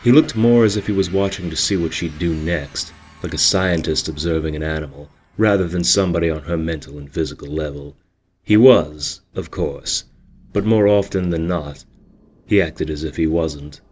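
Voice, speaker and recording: A man giving a steady, measured storybook narration. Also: extremely low pitch, slightly rough.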